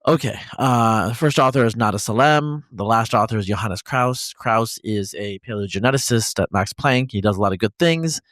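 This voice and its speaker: A man hosting a podcast, talking through a science paper in an unscripted monologue, halting with many fillers and restarts. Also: on the low side, fairly bright tone, dry recording. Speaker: podcast host.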